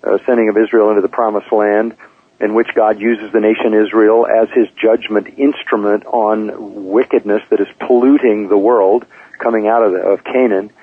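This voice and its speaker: Pastor guy on an old radio clip, tinny like a phone, kinda husky, lots of uhs. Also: fairly low pitch, level tone. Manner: measured, many "uh" fillers, rhetorical questions. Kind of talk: radio Bible teaching talk.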